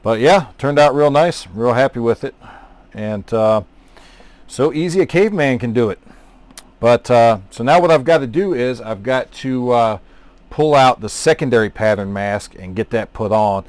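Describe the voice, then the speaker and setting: A man casually narrating his scale model painting, talking in a relaxed, rambling way with many fillers. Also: medium pitch, normal speed, no room sound. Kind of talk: casual hobby tutorial narration.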